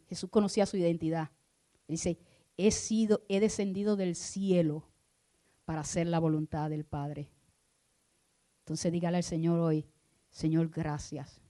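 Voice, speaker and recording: Woman minister, lower voice; fervent sermon that swings between hushed prayer and loud exhortation.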